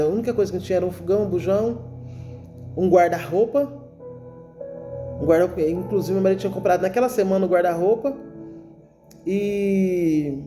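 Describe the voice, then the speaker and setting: A woman tells her religious testimony with emotion, speaking straight to her listeners as brothers. Her tone is warm and mellow, and soft music plays underneath. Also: medium pitch.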